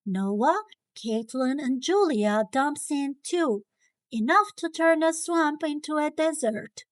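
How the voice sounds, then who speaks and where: A woman reading a children's story aloud in an animated, dramatic way, with exaggerated cartoon intonation and stretched key words. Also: high voice, takes it slowly, dry recording. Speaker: storybook reader.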